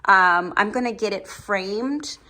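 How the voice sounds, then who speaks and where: Woman, home makeover host, casual tour narration, gushing emphatic delivery, mid-range pitch. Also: slow, pushed and bright. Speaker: home renovation vlogger, host.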